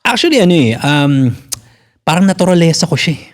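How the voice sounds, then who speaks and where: A man's voice: fairly high pitch, very animated, a little fast. A Filipino physical therapist in his forties, talking bluntly in a casual podcast conversation, swearing freely and mixing in English. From Philippines.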